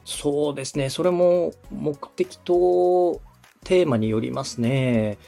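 A podcast host, coach and radio director from Osaka, Japan, explains things step by step in a polite, instructive consulting conversation. His voice is on the high side and slow, with vocal fry and a dark tone, over soft background music.

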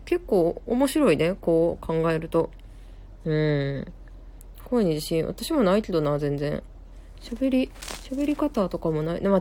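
Her voice is mellow and on the low side: a young Kansai-accented woman hosting a laid-back live stream. She chats ramblingly, reading comments from viewers, using many fillers and correcting herself mid-sentence.

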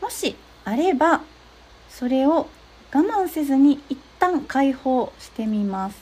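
A young woman hosting an advice talk, explaining steps gently with frequent soft agreeing fillers. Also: high-pitched, expressive, takes it slowly. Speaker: podcast host giving advice to therapists.

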